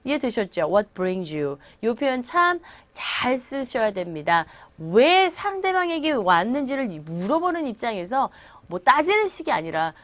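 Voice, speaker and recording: A woman giving a recorded English lesson, talking in Korean with a lively, swooping pitch. She slows right down to read English example sentences aloud. The sound is close and dry. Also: no echo. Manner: explains in Korean, reads English examples slowly. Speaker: English teacher. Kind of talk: recorded language lecture.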